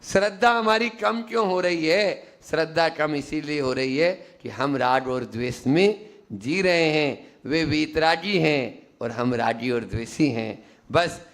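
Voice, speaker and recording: A man gives a slow, unhurried sermon in a high voice with a gravelly edge. He teaches like a monk at a camp, asking his audience questions and slipping into short acted voices to make his point. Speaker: Jain monk giving a discourse.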